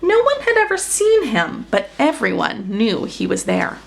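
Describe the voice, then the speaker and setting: This storyteller, a woman reading a children's picture book aloud, has a slightly high, creaky voice with huge pitch swings and a measured pace. She stresses action words dramatically in her expressive narration. A little hiss or hum is audible.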